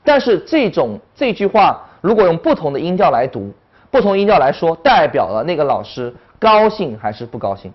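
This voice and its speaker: A woman teaching an online English lesson, talking in an animated way and demonstrating tones with her voice. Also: low voice, normal speed, lo-fi sound.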